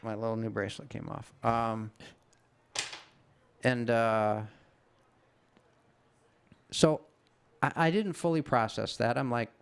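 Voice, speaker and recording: A middle-aged man chats his way through a long personal story on a podcast. His voice has a gravelly rasp and sits in a middle pitch. He rambles, circles back and swears casually. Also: fairly even intonation, takes it slowly, pauses often. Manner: rambling anecdote-telling with frequent profanity. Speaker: podcast co-host.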